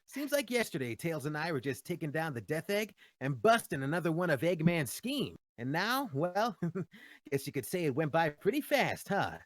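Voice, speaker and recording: A man plays a cocky cartoon hero hedgehog, upbeat and full of playful wisecracks. The delivery is breezy and very animated, on a dry, close recording. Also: fairly high pitch, normal speed, dry recording. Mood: proud, nostalgic. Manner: breezy, quippy. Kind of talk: in-character fan Q&A.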